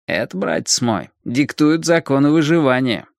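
A man playing a hard, calculating teenage gang leader who speaks in a measured, lecturing way. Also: a little high, expressive, no echo, studio quality, voice pushed up. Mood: grim.

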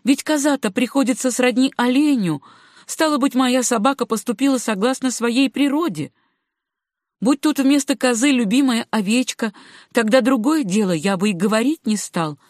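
A woman's voice: a little high, normal speed, darkish tone, dry recording, clean studio sound, natural voice. A woman voicing a chatty young farmer. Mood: apologetic. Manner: talkative, apologetic, folksy. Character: good-natured young male farmer and hunter, chatty. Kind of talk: audiobook reading.

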